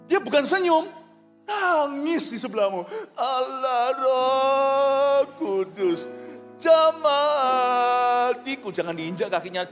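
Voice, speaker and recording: A high-voiced male pastor preaches with bouncing energy, teasing and quizzing his congregation. His voice rings out through a large hall with a long reverb tail. Faint music plays softly beneath him. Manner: animated, jokey, asks the crowd questions. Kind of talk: lively sermon to a congregation.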